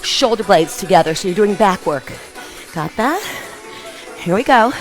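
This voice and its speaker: Music plays as a middle-aged woman instructor exercises indoors in her open living room, giving brief, punchy, upbeat workout cues. Her voice is medium-pitched and animated, and her pace is a little slow.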